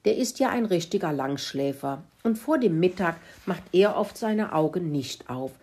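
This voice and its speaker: A woman voicing a small, thoughtful boy mouse in a children's story, husky voice. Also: animated, moderate pace, a little mellow. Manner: squeaky, thoughtful.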